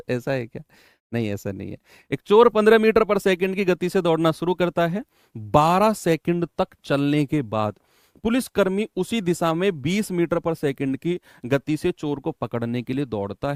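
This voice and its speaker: Chatty Hindi math teacher, higher voice. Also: male voice, a little mellow, no room sound, clean studio sound. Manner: chatty coaching tone, asks "है ना?" often. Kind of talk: exam-prep math lesson.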